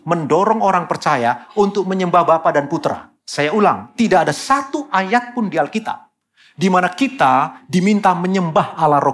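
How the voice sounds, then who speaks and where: A man preaching a sermon as a pastor from the area, who swings between loud emphatic peaks and quiet, confessional storytelling. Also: fairly high pitch, husky. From Indonesia. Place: church hall.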